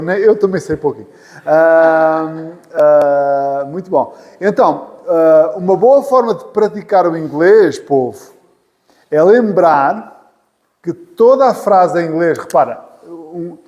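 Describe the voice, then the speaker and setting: A man from Portugal, speaking with a European Portuguese accent, leads an English class in a church hall classroom. His slightly high, slightly mellow voice echoes in the reverberant hall as he patiently repeats phrases and makes light jokes.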